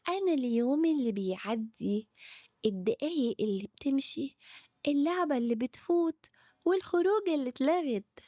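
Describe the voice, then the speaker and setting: A woman with an Egyptian Arabic accent voicing Time itself as a calm, wise figure that gently scolds a child. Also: sits high, fairly quick, no room sound, studio quality.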